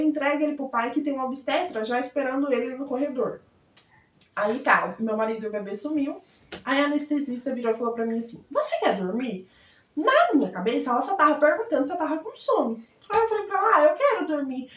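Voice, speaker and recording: A young woman telling a personal story in a lively way, acting out the voices of the people in it and laughing often. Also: high voice. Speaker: vlogger. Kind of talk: casual storytelling. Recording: echoey room heard from a distance, dull sound.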